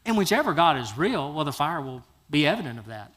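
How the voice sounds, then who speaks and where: A pastor preaching a sermon, telling Bible stories in a folksy, animated way and acting out the characters' lines. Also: male voice, a little high, a little fast. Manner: animated storytelling, acts out biblical figures; folksy, casual phrasing.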